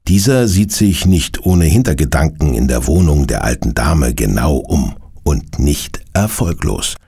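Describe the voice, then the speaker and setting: Very deep, gravelly male storyteller. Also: sing-song, unhurried, warm tone. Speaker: narrator. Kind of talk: scripted storytelling for children.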